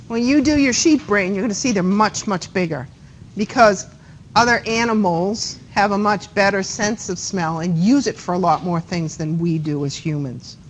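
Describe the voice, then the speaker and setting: A woman's voice: medium pitch, normal speed, a little hiss or hum, rough recording. A woman with a Boston accent giving a classroom anatomy lecture, chatty and often checking in with students by asking them questions. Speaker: anatomy instructor.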